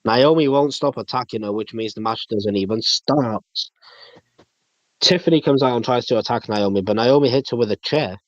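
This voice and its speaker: A man's voice: mid-range voice, normal speed, dry recording. Man narrating a casual recap, lo-fi. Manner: plays by play, laughing along with friends. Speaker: podcast host. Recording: dull, lo-fi, dry sound.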